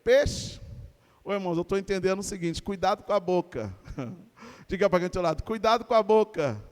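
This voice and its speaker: A man's voice: sits high, moderate pace, big-room sound. A Brazilian man preaching a sermon to his congregation, asking them questions and urging them to answer back. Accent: Brazilian Portuguese. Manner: animated preaching with call-and-response to congregation. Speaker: pastor. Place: church.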